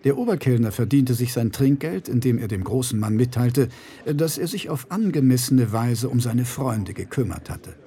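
A man narrating an audiobook in an expressive, wry storytelling manner. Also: medium pitch, moderate pace. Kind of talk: scripted narration.

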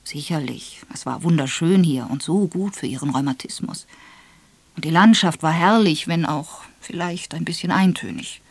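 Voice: medium pitch, creaky, slightly rough, dry recording. Trocken aufgenommener, gemessener Hörbuchsprecher. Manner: measured, expressive storytelling. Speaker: audiobook narrator. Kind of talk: scripted narration.

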